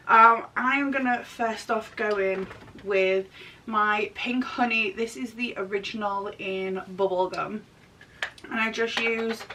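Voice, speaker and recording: A woman in her thirties chatting casually through a makeup tutorial while getting over a throat and chest infection. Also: fairly bright tone. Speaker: makeup artist and vlogger. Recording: distant mic, rumbly background noise.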